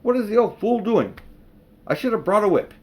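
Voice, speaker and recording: A man's voice: sits high, animated, normal speed, voice pushed up. A man voicing a haughty, cruel witch queen in a children's storybook, domineering and scornful as she gives commands. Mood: impatient. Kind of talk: children's storybook read aloud.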